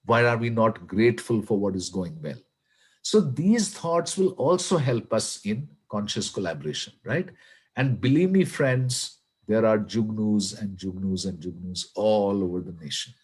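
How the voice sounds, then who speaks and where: A man with an Indian accent giving an earnest, inspirational talk in a web broadcast, speaking slowly and with emphasis. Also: lowish voice, expressive, slightly rough. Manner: earnest, slow and emphatic, mixing English with Hindi.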